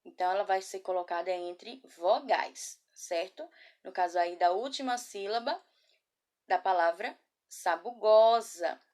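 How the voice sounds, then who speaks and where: A woman teaching a children's class from a camera, patient and affectionate, asking guiding questions and sounding words out slowly. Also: mid-range voice, darkish tone. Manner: patient, slow syllable-by-syllable spelling. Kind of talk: remote class lesson. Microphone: laptop or phone camera.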